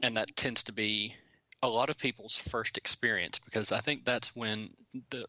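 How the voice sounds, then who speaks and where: A man's voice: fairly low pitch, steady tone, moderate pace, bright, forceful tone, no room sound, poor audio. A man in his thirties, politely asking questions in a casual podcast chat. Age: 30s. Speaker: podcast co-host.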